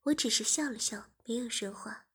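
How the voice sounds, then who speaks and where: Softly reading woman, husky tone. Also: a little high, fairly quick. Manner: soft, often half-whispered. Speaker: story reader. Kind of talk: scripted narration.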